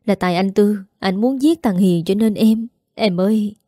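A woman's voice: mid-range voice, moderate pace, dark tone, dry recording, clean studio sound, lightly acted. A woman voicing a desperate jailed young mother, begging tearfully. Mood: pleading.

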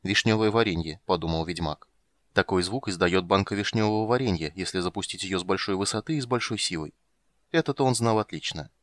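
A man reading a fantasy story aloud in an expressive audiobook narration. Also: low-pitched, fairly quick, dry recording. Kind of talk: scripted narration.

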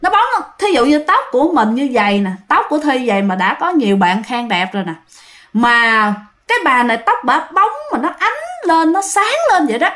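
Chatty woman telling ghost stories, high voice that bounces around. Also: sing-song, normal speed, fairly bright tone. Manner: chatty, addresses listeners often. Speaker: ghost story narrator. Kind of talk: storytelling to listeners.

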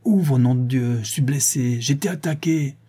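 A man's voice: medium pitch, moderate pace, dark tone, slightly rough, voice pushed up, lightly acted. A man voicing a wounded farmhand who sounds weak and shaken and pleads for help. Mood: pleading. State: weak and injured. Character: wounded, desperate male farmhand.

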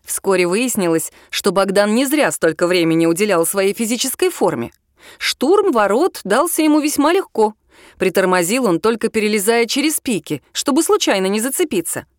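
A woman reads a scary story aloud with animated, lively pitch. Her voice is even in tone, neither high nor low. The recording is close and dry. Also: no echo. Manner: expressive storytelling. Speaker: narrator. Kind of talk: scripted narration of a horror story.

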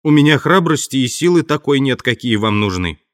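A man's voice: mid-range voice, expressive, brisk, voice pushed up, close to an everyday voice. A man voicing a downtrodden male tramp who pleads and complains, close to tears, in an audiobook. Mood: pleading. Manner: plaintive, near tears.

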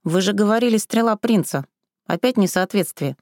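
A woman's voice: mid-range voice, expressive, normal speed, a little mellow, no echo, studio quality, voice pushed up, lightly acted. A woman reading a storybook and voicing a confused, indignant young woman. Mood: pained, hysterical. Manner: bewildered, protesting.

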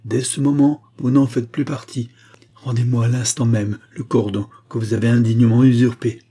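A man's voice: mid-range voice, level tone, moderate pace, warm tone, slightly rough. A man voicing a stern, offended queen in an audiobook, speaking in a reproachful, commanding way.

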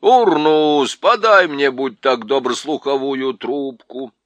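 Cranky deaf old dwarf lord, voiced by a male reader, loud and bright. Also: mid-range voice, slow, no echo, muffled recording. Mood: grumbling. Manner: loud, cranky, mishears words.

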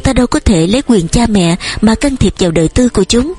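A woman with a breathy voice reading the lines of a gentle, soothing middle-aged farm wife who pleads softly. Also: a little high, lively intonation, fast talker. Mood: pleading. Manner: soft, pleading.

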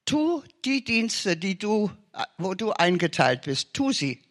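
A man's voice: high voice, sing-song, slow pace, fairly bright tone. A man preaching an urgent sermon testimony, pressing listeners with emphatic, repeated short commands.

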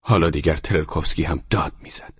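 A man narrating an audiobook in a measured, even storytelling manner. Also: very deep voice, husky, no echo, dull audio.

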